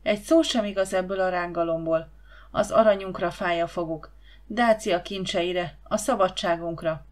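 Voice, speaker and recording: A woman's voice: lowish voice, lightly acted. A woman playing a fiery young slave girl. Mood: indignant. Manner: passionate, indignant outbursts.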